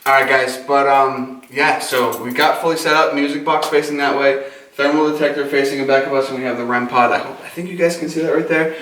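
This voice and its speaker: A man talking casually and haltingly as he hosts a paranormal investigation vlog. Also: mid-range voice, fairly even intonation, a bit bright, slight background noise. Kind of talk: casual ghost-hunt vlog talk. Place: small cobblestone and brick basement room in an old jail. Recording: echoey room, distant from mic.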